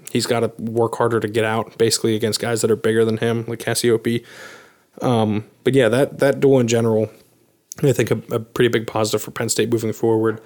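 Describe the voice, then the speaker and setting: With a slightly mellow, mid-range voice, this man co-hosts a sports podcast and analyzes the results. He frequently fills his sentences with "um" and "you know."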